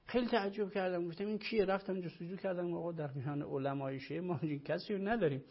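A man's voice: high voice, creaky, slightly rough. Emphatic man lecturing, muffled lo-fi. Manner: lecturing, emphatic, repeats phrases. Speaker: religious scholar answering a caller. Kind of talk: live call-in religious discussion.

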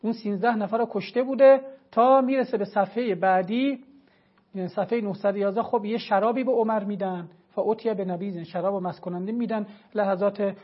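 Religious scholar type, man, argues hard and emphatically; muffled, low-fidelity broadcast sound. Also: fairly even intonation. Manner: emphatic, argumentative, cites sources. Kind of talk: televised religious lecture.

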